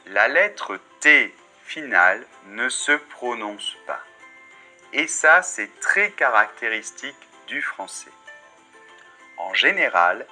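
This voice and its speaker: A man's voice: mid-range voice, pushed and bright. A man teaching a beginners' French lesson, patiently modelling each sound and word for the learner.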